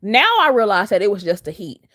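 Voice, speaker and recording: A woman's voice: medium pitch, expressive, fairly quick, fairly bright tone. A woman talking straight to her viewers in a rambling, earnest and encouraging way, as a spiritual coach. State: close to tears. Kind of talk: casual heartfelt monologue to camera.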